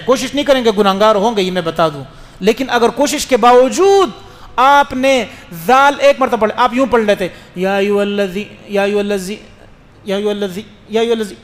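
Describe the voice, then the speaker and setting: High-voiced man preaching in an echoey hall. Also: a bit bright. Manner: questions the audience, explains rules patiently. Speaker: mufti preacher. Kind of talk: religious lecture.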